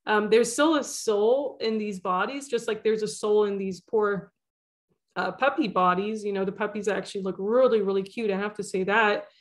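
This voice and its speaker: A young woman hosting a spiritual channel, talking alone in a loose, rambling way with lots of fillers and restarts. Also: medium pitch. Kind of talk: casual monologue.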